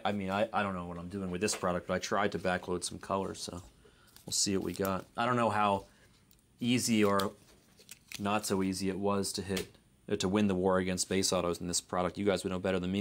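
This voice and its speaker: Low-voiced man hosting a card break. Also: steady tone, a little fast, slight background noise. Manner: easygoing running commentary, unsure of name pronunciations. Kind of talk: casual live commentary.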